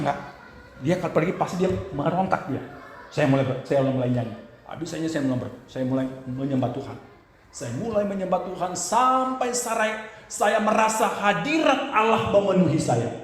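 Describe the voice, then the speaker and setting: A male pastor preaching a storytelling sermon, animated and often calling his listeners "saudara". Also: medium pitch, a little hiss or hum. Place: church. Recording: very echoey church hall.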